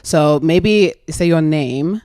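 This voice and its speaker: A woman's voice: low voice, takes it slowly, warm tone, no room sound, studio quality. A woman in her twenties hosting a casual chat, giggly and rambling, with religious exclamations. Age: 20s. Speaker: host.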